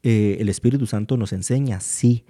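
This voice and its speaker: A man from Mexico, speaking as a guest in a casual discussion about faith, in a measured, explanatory way with frequent pauses. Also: fairly low pitch, dark tone.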